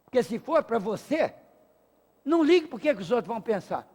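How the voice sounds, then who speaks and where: A man's voice: very high-pitched, sing-song, a little fast, darkish tone, slightly rough. A man lecturing a class at a spiritist center, emphatic and rhetorical, acting out little dialogues to make his points. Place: lecture hall of a spiritist association. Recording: long hall reverb.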